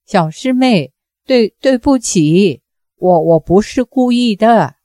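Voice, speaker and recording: A woman voicing an anxious young male swordsman who stammers and pleads, slowly and mellowly. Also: mid-range voice, animated, mellow, no room sound, studio quality. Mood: pleading.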